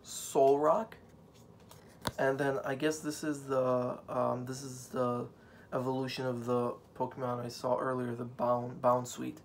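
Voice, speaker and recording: Man, home host, card unboxing, rambling, joking, mid pitch, faint background noise. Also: little pitch movement, unhurried. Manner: rambling, joking, many fillers. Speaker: channel host. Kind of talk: casual card-unboxing chat. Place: home, on a couch.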